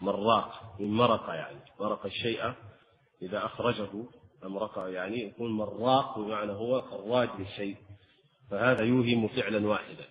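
A man's voice: lowish voice, fairly even intonation, big-room sound, a little hiss or hum. Man teaching Quran recitation rules. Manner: measured explaining, breaks into slow melodic recitation. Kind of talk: tajweed lesson with chanted examples. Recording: slightly dull lo-fi sound.

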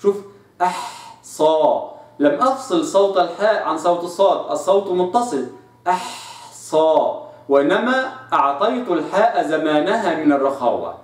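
In an echoey room where his voice sounds a bit distant, a man with an Egyptian accent gives a tajweed lesson. His high-pitched, expressive voice explains letter sounds for Quran recitation, then demonstrates them slowly, drawing each one out between explanations.

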